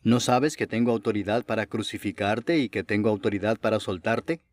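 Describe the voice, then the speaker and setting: A man voicing a stern, questioning male Roman governor in a Bible reading, his pitch rising on his questions. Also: brisk, close to an everyday voice.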